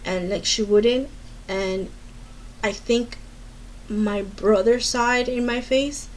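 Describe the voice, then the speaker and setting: Earnest, candid woman with a slightly high voice. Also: fairly even intonation, takes it slowly, a little hiss or hum, poor audio. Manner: candid, swears freely, many fillers and restarts; earnest and urging. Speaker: advice giver. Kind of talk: casual storytelling advice.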